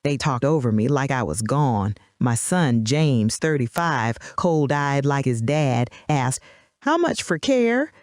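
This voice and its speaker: A woman's voice: a bass voice, slow, few pauses, a little mellow, dry recording, clean studio sound. An older woman narrating her own hard life story in short, dramatic, clipped sentences.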